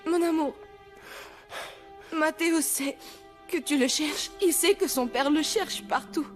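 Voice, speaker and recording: A tender, devoted wife. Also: female voice, sits high, takes it slowly, soft background music. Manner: tender and soothing. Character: loving, devoted young wife. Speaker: wife comforting her husband. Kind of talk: dubbed telenovela acting.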